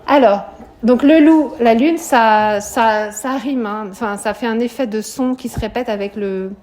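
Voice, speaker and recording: Woman, French teacher, live classroom lesson, voice slightly high, explains and questions the students. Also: unhurried, a little mellow. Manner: explanatory, questions students, frequent "hein" tags.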